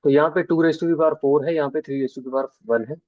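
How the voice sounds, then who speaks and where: A man's voice: a little high, steady tone, no room sound, phone-quality sound. A male maths teacher with an Indian accent, explaining an online class step by step and checking in with students often. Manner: explains step by step, drawing out key terms slowly. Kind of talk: online class lecture in mixed Hindi and English.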